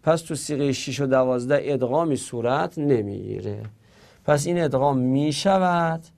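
A man's voice: medium pitch, vocal fry, darkish tone. A man teaching an Arabic grammar lesson, explaining step by step and answering his own questions.

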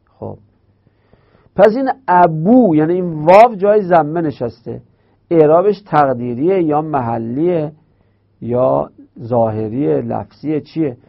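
A man teaching a grammar lesson in speech, explaining step by step and slowly repeating key terms. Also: on the high side, creaky. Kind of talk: Arabic grammar lecture. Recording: dull lo-fi recording.

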